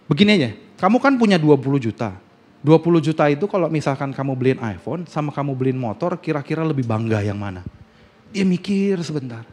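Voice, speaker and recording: A man preaching from the pulpit, his voice sitting a little high for a man. He tells a family story and acts out each person in it, rising to loud outbursts and then dropping to near-hushed asides. He turns to address the congregation again and again. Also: expressive, fast. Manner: storytelling, acting out dialogue, swings from loud to hushed. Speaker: pastor. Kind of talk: sermon. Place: church sanctuary.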